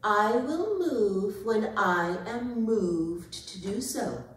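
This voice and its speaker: With a mid-range, expressive voice delivered extremely slowly, a woman voices the haughty, stubborn, indignant cat Callie in a theatrical staged reading. Her pompous, formal lines have precise diction, recorded from a distance in the echoing performance space of an arts centre.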